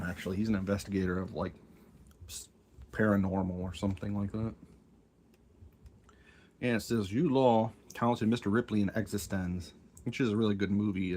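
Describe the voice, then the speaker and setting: Man, low-pitched, casual aside-heavy chatter around a cough drop; faint fan hum. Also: a little mellow. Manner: muttering, musing aloud with many asides. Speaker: collector showing his tapes. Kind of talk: casual offhand commentary. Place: room at home with a fan running. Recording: faint fan noise behind.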